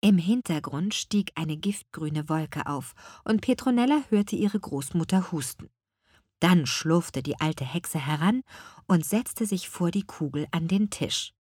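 A woman reads a children's storybook aloud, unhurried and calm. Her voice moves up and down with lively expression, and the recording is close and dry, with no room around it. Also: lowish voice, husky, no room sound. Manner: calm, measured, expressive reading. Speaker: audiobook narrator. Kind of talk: scripted storybook narration.

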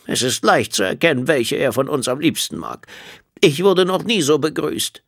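Man doing a tearful frail old woman, raised pitch, gravelly, dry close sound, audiobook. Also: sing-song, normal speed, fairly bright tone, dry recording, full character voice. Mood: sulky. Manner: sad, sniffling, breaking into high tones. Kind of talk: audiobook character voice.

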